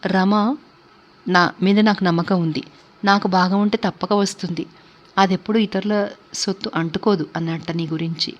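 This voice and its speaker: A woman voicing a gentle, wise elderly aunt who speaks softly and calmly, in a storybook reading. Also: mid-range voice, moderate pace, long pauses, natural voice. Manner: soft, soothing, calm. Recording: dull lo-fi recording.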